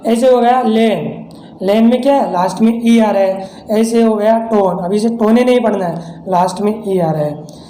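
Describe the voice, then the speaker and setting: High-voiced Indian man teaching pronunciation. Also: warm tone, reverberant, low-quality recording. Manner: explains step by step, asks questions and answers them himself. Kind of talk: classroom-style lesson explanation.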